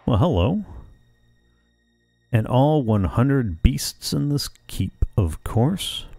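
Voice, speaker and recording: A boastful fiend villain from a fantasy game, acted out by a man. The voice is dark and creaky, rising and falling theatrically as it gloats and mocks, with game music behind. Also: mid-range voice, very animated, slow pace, no echo, voice pushed up, exaggerated voice. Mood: gloating. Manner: theatrical, mocking.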